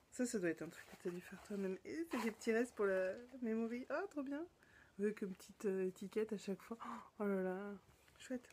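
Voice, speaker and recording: A French woman hosting a knitting podcast, chatting casually as she unboxes gifts, full of delighted little exclamations and often dropping to a soft near-whisper. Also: medium pitch, poor audio. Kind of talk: casual unboxing chat to camera. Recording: noticeable background noise.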